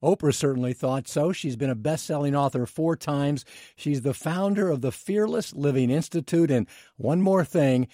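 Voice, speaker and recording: A man's voice: a little high, moderate pace, warm tone, no room sound, clean studio sound. A man co-hosting a radio talk show, introducing and interviewing a guest with enthusiasm. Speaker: radio co-host.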